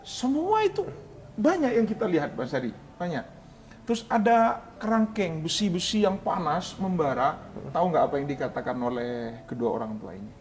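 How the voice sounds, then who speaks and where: A man who is an Islamic preacher, giving an earnest spiritual testimony in an interview, pleading and moving between hushed and raised speech. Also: on the high side, sing-song, normal speed, slight background noise.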